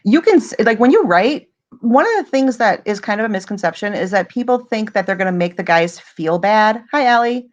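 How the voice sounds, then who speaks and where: A woman's voice: on the high side, lively intonation, fairly quick, lo-fi sound. A woman hosting a casual livestream Q&A, chatty and rambling, often laughing as she talks. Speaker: livestream host.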